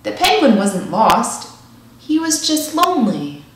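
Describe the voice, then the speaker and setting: A woman reading a children's picture book aloud, with expressive, deliberate storybook phrasing. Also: a little high, a little hiss or hum. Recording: echoey room, distant microphone.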